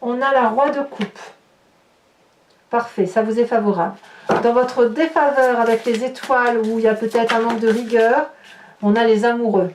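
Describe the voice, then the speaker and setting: A woman's voice: on the high side, steady tone, moderate pace, background noise. Musing woman tarot reader in a roomy space. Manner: musing, hesitant, asks rhetorical questions. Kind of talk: tarot reading to camera. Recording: roomy, distant mic.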